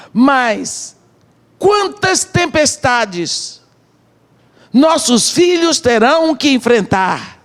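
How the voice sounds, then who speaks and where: A middle-aged woman with a Brazilian Portuguese accent, preaching a sermon as a missionary and telling the story dramatically in short, measured phrases. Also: a little high.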